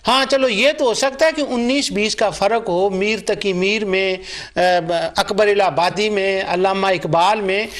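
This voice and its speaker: A man's voice: sits high, hardly any pauses, fairly bright tone. A middle-aged Islamic scholar giving a religious lecture, telling anecdotes and stressing his points through repetition. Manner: storytelling, acts out remembered dialogue. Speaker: Islamic scholar and Quran reciter.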